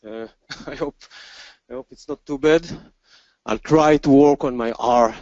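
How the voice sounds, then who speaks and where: A man with an Israeli accent giving a technical conference talk, relaxed and self-deprecating, with many fillers and restarts. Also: mid-range voice, unhurried, dry recording, lo-fi sound. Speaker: conference speaker.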